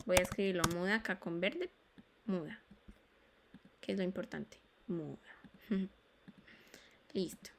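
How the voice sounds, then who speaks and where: Slow, patient Spanish-speaking woman teacher. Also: lowish voice, gravelly, a little hiss or hum. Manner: patient, repeats sounds and checks understanding. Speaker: English teacher. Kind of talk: online class explanation.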